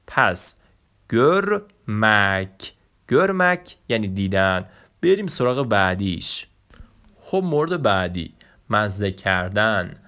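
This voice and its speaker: Persian-accented man teaching slowly, drawling examples. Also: on the low side, a bit bright. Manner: slow, drawn-out repetition of example words, quick explanations in between. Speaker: Turkish language teacher. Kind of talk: vocabulary lesson.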